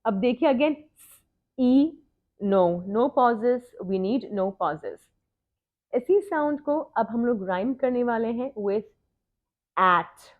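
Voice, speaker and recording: A woman teaching phonics, slowly modelling sounds and words and repeating each one twice. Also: on the high side, lively intonation. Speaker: reading tutor. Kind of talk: phonics lesson mixing Hindi and English. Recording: tinny phone-like sound.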